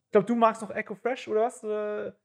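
Chatty, teasing host, high male voice, relaxed banter. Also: fast, creaky. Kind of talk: casual chat.

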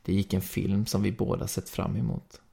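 A man with a Swedish accent reading a story aloud in calm, steady first-person narration. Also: low-pitched, creaky, husky. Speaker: podcast reader.

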